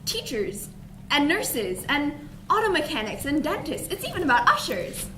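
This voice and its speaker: In a school play, a student actress takes on the part of an earnest, pompous theatregoer in an amateur stage comedy, gushing praise that keeps contradicting itself. Her high, sing-song voice is pushed and bright, a full character voice at a moderate pace. The stage recording is echoey, with faint noise.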